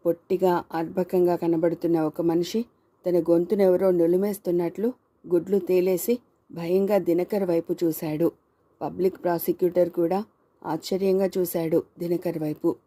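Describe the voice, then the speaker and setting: A woman narrating a crime story in a steady, expressive reading. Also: lowish voice, moderate pace.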